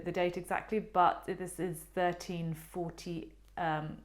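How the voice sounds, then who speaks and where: Brief: middle-aged woman, casual art talk presenter, lowish voice, rambling and playful. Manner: chatty and meandering, with many ums and playful asides.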